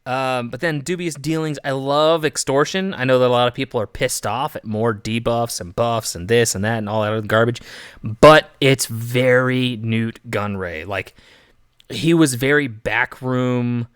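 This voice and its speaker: A man's voice: medium pitch, measured pace, fairly bright tone, smooth, no room sound, clean studio sound. A man chatting casually as a gaming streamer, rambling with many fillers and restarts. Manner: laughs easily. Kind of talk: casual game commentary.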